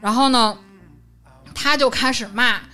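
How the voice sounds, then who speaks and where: A young woman, telling a story in lively casual chat and acting out the quotes. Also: on the high side, measured pace, faint music behind. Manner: lively, animated retelling, acts out quotes. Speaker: podcast co-host.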